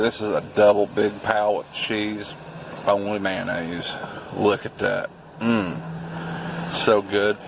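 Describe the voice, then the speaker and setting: Southern male car vlogger, low gravelly voice, crude excitable rambling, noisy road ambience. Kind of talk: casual vlog chat.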